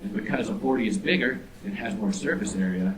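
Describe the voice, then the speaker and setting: A young man doing a stand-up comedy set, telling a story in a deadpan way that jumps to excited outbursts. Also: fairly low pitch, fairly quick, low-quality recording. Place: comedy club stage with live audience. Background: audience laughter.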